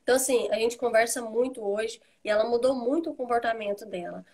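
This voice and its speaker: A woman with a Brazilian accent tells a story in casual conversation, her voice sitting a bit high. She acts out the things she says to her children as she goes. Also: fast talker. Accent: Brazilian Portuguese. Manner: animated, acts out quoted dialogue with her children. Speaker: host, mother.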